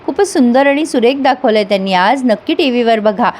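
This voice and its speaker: A woman's voice: on the high side, lively intonation, fairly quick, darkish tone. A woman reviewing a TV serial episode in a casual recap, chatting directly to her viewers.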